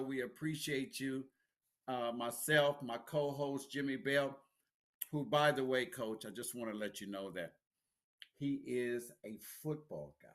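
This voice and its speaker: A man hosting a casual sports talk show, excitable and quick to laugh, often repeating words as he talks. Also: mid-range voice.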